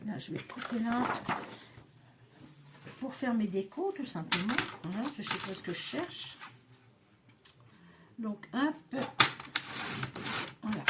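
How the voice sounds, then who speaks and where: Crafting host, woman, slow and chatty, hesitant asides, a touch higher than average. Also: heavy background noise. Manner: chatty, hesitant, with many fillers and self-talk. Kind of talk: casual crafting demonstration.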